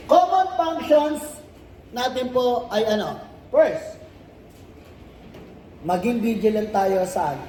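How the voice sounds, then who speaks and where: Slow, dark-voiced Filipino safety trainer. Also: male voice, high voice, a little hiss or hum. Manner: keeps asking the class rhetorical checks like "tama?" and "di ba?"; mixes English phrases into his talk. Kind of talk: classroom training lecture. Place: training room in front of a class. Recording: echoey room, voice picked up from a distance.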